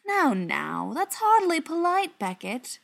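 A woman's voice: high voice, huge pitch swings, takes it slowly, gravelly, fairly bright tone, pitched above the performer's own voice, heavily acted. A woman voicing a smug, mocking male vampire elder in an audiobook reading. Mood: smug taunting.

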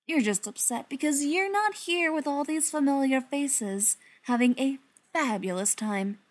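A woman's voice: high-pitched, expressive, unhurried, pitched above the performer's own voice. A woman voicing a smug, mocking male vampire elder in an audiobook reading. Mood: smug taunting.

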